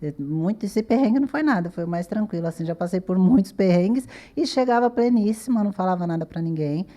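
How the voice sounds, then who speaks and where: A woman's voice: medium pitch, fast. A young adult woman, a podcast guest chatting casually and acting out the voices in her own stories. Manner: lively storyteller, acts out quoted dialogue. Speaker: podcast guest, dancer and TV journalist. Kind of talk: casual interview chat.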